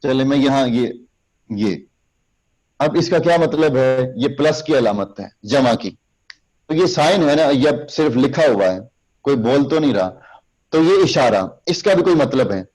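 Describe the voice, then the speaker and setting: A man's voice: medium pitch, animated, darkish tone, low-quality recording. Man teaching public speaking, explaining gestures. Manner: explains hand gestures step by step, addressing students directly; recites sample lines in a raised, slow, emphatic voice. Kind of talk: classroom lecture.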